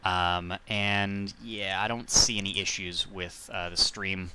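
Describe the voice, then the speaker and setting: Over background noise, a man with a low voice and fairly even intonation speaks at a slow pace while streaming a driving game. He chats casually, telling viewers rambling stories full of jokes about himself.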